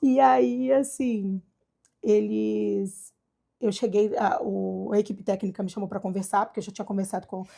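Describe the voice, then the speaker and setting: A woman from Brazil telling her adoption story in a casual chat, animated and acting out the voices of people she quotes. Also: medium pitch, normal speed, creaky. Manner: animated, acts out quoted dialogue. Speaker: guest, adoptive mother.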